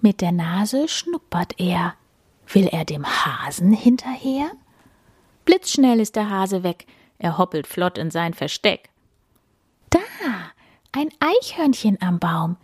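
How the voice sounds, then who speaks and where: Woman storyteller, soft half-whispered bedtime reading, slow, dry close sound. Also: fairly low pitch, lively intonation, husky, no room sound. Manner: gentle, hushed.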